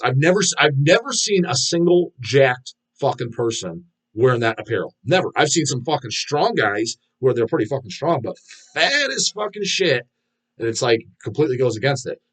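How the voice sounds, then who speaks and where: Blunt, profane man rambling on stream. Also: mid-range voice. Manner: rambling and heavily profane, many restarts and fillers; blunt, mocking gym talk. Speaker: streamer answering viewer questions. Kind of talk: casual live-stream Q&A.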